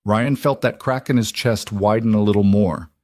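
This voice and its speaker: Low-voiced male story narrator. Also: normal speed, darkish tone, no room sound, clean studio sound.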